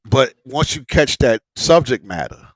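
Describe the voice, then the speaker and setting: A man's voice: medium pitch, sing-song, unhurried, breathy edge, no echo, poor audio. Rambling, slangy man hosting, dry close sound. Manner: rambling and repetitive, frequent swearing, slangy. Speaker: host of a live smoke-session stream. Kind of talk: casual livestream chat.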